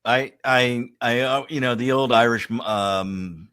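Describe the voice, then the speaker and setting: A man hosting an interview, asking questions in a halting way with many pauses. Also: medium pitch, fairly bright tone, clean tone. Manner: halting, many fillers and restarts. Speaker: host. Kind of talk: conversational interview.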